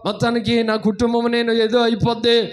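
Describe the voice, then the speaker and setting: A man's voice: very high-pitched, monotone, fairly quick. A man preaching a sermon as pastor, retelling a story and asking his congregation questions.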